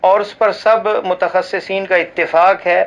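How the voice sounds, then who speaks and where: A man reads a religious ruling aloud in a formal, measured voice and recites Arabic verses along the way. His voice is smooth and resonant and sits a little higher than usual. The recording is slightly muffled and lo-fi. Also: steady tone. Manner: formal and measured, with occasional slips and restarts; recites Arabic scripture passages. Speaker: voice-over reader for a religious channel.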